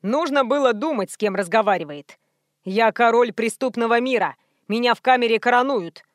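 A woman's voice: fairly high pitch, normal speed, dry recording, studio quality, lightly acted. A woman reading an audiobook voices a boastful, cold teenage boy who is a killer, speaking smugly and with cheerful callousness.

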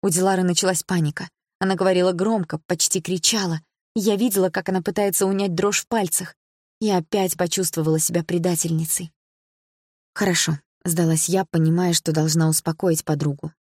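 Woman reading an audiobook, lowish voice, steady, dry close mic. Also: a little fast, dry recording. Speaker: audiobook narrator. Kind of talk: scripted first-person audiobook narration.

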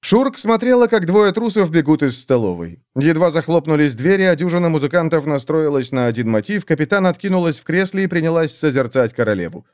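A man narrating an audiobook in a measured, expressive storytelling manner. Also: fairly high pitch, dry recording, studio quality.

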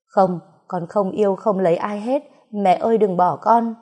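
A woman's voice: fairly low pitch, a little slow, dark tone. A woman voicing a young woman pleading with her dying mother, tearful and desperate. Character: grieving young woman, devoted daughter.

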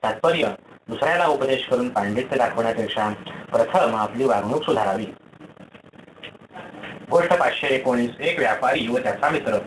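A man's voice: medium pitch, slight background noise. Man reading fables in a roomy room. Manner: steady, measured reading. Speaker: audiobook reader. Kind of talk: scripted audiobook narration.

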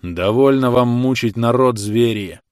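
A defiant peasant man hurling slow, heavy accusations in a raised voice, as a male narrator voices him. Every word sounds forceful and close, with a dry sound and no room echo. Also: medium pitch, close to an everyday voice.

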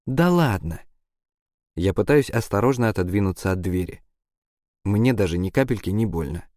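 Male audiobook narrator, first person, low, dry, subdued. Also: fairly quick, a little mellow, no echo.

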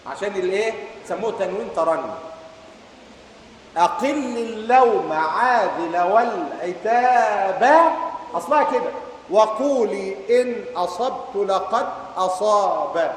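A man with an Egyptian accent giving a lecture, quizzing his students and reciting verses. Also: sits high. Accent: Egyptian Arabic. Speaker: teacher. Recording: echoey hall, faint background hiss.

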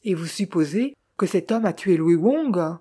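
A woman playing a hard-hearted rich man in an audiobook, curt and dismissive in every reply. The tone stays mellow. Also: fairly low pitch, expressive, a little slow, breathy edge. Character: cold, curt millionaire man.

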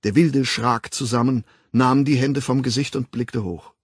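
A man reading a novel aloud as an audiobook narrator in a measured, expressive way. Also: medium pitch, husky, dry recording, studio quality.

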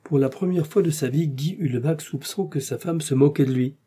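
A man narrating a classic novel in a steady, measured reading. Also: fairly high pitch, breathy edge. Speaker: audiobook narrator.

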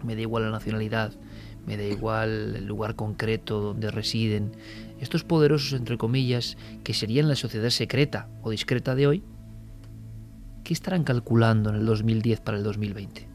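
A man's voice: fairly low pitch, steady tone, moderate pace, a little mellow, soft background music. A man hosting a late-night radio talk show, speaking emphatically and rhetorically and addressing his listeners as friends. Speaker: radio host.

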